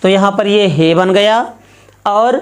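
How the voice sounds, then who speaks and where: A woman's voice: mid-range voice, slow, clean tone. A woman teaching Sanskrit grammar, walking through each step methodically and repeating herself as she works an example.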